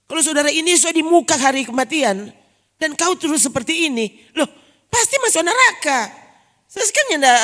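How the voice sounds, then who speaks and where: A forceful woman pastor with a lilt, preaching in a church hall. She fires off rhetorical questions with emphasis, and her voice rings out with a long reverb tail. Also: high-pitched. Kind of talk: sermon.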